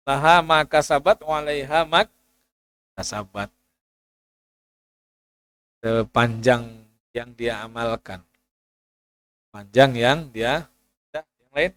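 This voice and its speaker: A male Islamic preacher with a voice, giving an animated sermon lecture and acting out pleading prayers. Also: mid-range voice, slow pace, pauses often, clean tone, no echo. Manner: animated, acts out pleading prayers and mixes in Javanese phrases.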